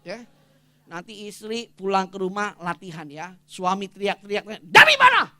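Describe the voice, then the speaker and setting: Energetic male preacher. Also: high voice, normal speed. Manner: energetic, jokes and leads call-and-response with congregation. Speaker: pastor. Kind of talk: lively humorous sermon. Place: church service.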